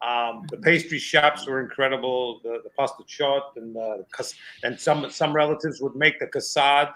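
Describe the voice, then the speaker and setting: A man from New York reminiscing in a relaxed way on a podcast roundtable, with fillers and repeats. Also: mid-range voice, moderate pace, rough recording. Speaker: podcast guest. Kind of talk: casual roundtable chat.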